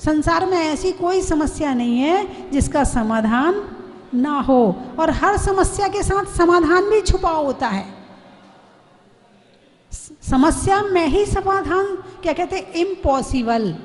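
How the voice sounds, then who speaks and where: A woman's voice: very high voice, animated, slow pace. A woman Jain nun giving a devotional sermon. She tells stories and keeps asking the listeners questions. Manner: storytelling, asks the audience questions. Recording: long hall reverb.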